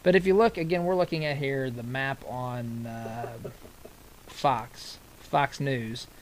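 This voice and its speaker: An American man hosting live election-night radio, giving unscripted political commentary in a halting way, often repeating phrases and breaking off to read figures. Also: mid-range voice, a little hiss or hum, low-quality recording.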